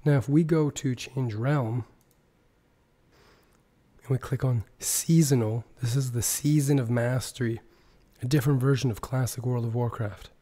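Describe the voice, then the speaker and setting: A sick man with a sore throat hosts a video of casual gaming news commentary, his voice nearly gone, hoarse, strained and cracking into whispers. His voice sits in the middle range, dark in tone, and he takes his time.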